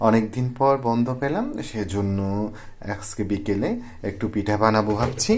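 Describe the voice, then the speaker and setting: A man's voice: on the low side, normal speed. A young man from Bangladesh, a cooking vlogger, walks through a recipe step by step in a friendly, casual way.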